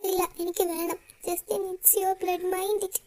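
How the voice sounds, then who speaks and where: A woman playing a soft, stubborn young wife. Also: very high-pitched, flat delivery, takes it slowly, pitched above the performer's own voice. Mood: pleading softly. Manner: soft-spoken, insistent. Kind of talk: fan audio drama.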